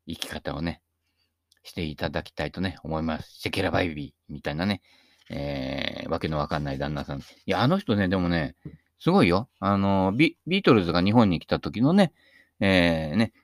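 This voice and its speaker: A man with a low voice rambles casually, his pitch leaping up and then dropping to a soft mutter. His talk is full of fillers and tag particles. The recording is dry and close, with no room sound. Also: no echo. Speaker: host talking about golf.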